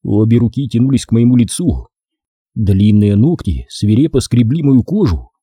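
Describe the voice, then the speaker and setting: A male audiobook narrator with a husky, very dark voice tells the story in a measured, expressive way. His pitch moves lively through each sentence. The recording is dry and close, with no room sound. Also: no echo.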